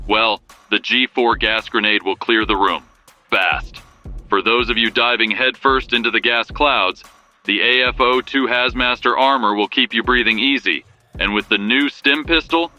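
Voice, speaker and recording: A man's voice: mid-range voice, sharp tone. A man playing a military news anchor, delivering a scripted wartime broadcast in a grave, rallying manner. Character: rousing male military war-bulletin anchor in sci-fi world. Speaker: bulletin host. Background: prominent background music.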